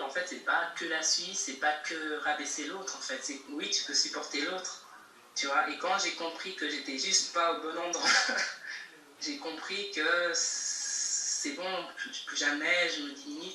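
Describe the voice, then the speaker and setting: Speaking as a guest rapper, this young adult woman from Geneva, Switzerland, handles interview questions casually and emphatically on a video call, laughing between points and repeating herself. Her low-pitched voice sounds pushed and bright, and the echoey, distant call audio carries faint noise.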